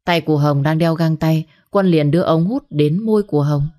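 A woman's voice: low voice, moderate pace, mellow. A woman narrating an audio story and voicing every character herself.

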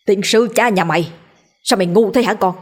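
A woman's voice: medium pitch, fairly quick, lightly acted. A woman voicing an angry village father who curses and scolds his son. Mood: scolding. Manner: harsh scolding, cursing.

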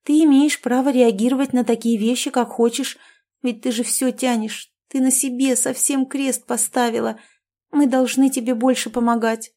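A woman's voice: fairly high pitch, fairly even intonation, moderate pace, mellow, pitched above the performer's own voice, close to an everyday voice. A woman voicing an impulsive, emotional young woman who speaks from the heart. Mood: heartfelt.

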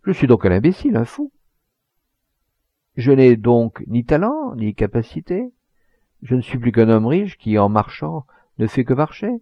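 A man voicing an obsessive, proud, volatile old master painter, husky and emphatic, in a storybook reading. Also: mid-range voice, big pitch swings, measured pace, no room sound, full character voice. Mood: despairing. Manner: impassioned, emphatic, with hesitations. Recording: dull lo-fi recording.

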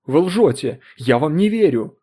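A man voicing a bitter older historian in an audiobook reading, speaking slowly and cuttingly with harsh contempt. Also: lively intonation, dark tone, slightly rough. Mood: angry. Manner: low, slow, cutting, then furious.

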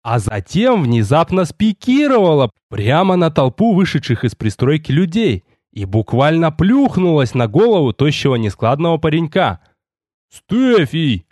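A man narrating an audiobook in a lively, expressive storytelling manner. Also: a little high, normal speed, few pauses, no echo, clean studio sound.

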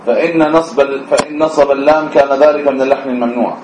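A man's voice: medium pitch, steady tone, quick pace, background noise. A man, teaching a class on the call to prayer, asking students questions and singing out short examples. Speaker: religious teacher. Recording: echoey room, slightly dull sound.

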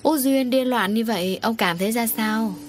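A woman's voice: on the high side, moderate pace, slight background noise, pitched above the performer's own voice, natural voice. A woman voicing a scheming, brazen middle-aged woman who taunts her relative in a storybook reading. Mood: mocking. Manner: mocking, insolent.

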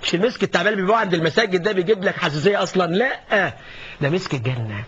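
A man preaching a colloquial sermon with an Egyptian accent, dramatic, dropping to a hush and then building to loud exclamations. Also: high-pitched, rapid-fire. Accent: Egyptian Arabic. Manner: dramatic, swings from hushed to rising exclamations. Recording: dull lo-fi recording with faint noise.

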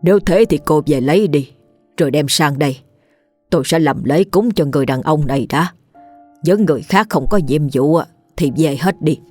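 A woman voicing an old male village shaman who speaks in slow, solemn pronouncements. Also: low-pitched, a little mellow, no echo, faint music behind. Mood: grave, ominous.

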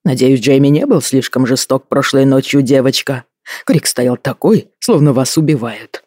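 A man reading an audiobook voices an older male clan leader who is gruff and paternal, speaking slowly in a low rumble. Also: darkish tone, no room sound, clean studio sound, close to an everyday voice. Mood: teasing.

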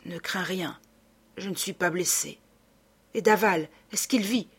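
A woman's voice: measured pace, husky. Woman doing a wounded old count, faint. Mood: weak. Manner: low, faint and broken.

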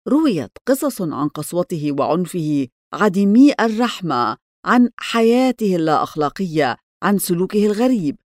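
A woman narrating a novel as an audiobook in measured, even scripted narration, recorded close on a studio mic. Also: medium pitch, no echo.

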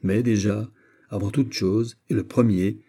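In scripted audiobook narration, a man tells the story in an even, measured way. His voice is lowish with a breathy edge.

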